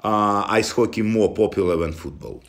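A man with a Russian accent answering interview questions in halting non-native English, often dropping articles. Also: lowish voice, fairly bright tone. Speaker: interview guest from a football club.

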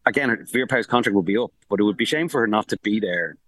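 A man, a sports journalist calling in from abroad who gives rapid, animated football analysis full of restarts and fillers. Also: on the low side, dry recording, low-quality recording. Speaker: sports journalist reporting from the tournament. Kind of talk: casual podcast analysis. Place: remote link from abroad.

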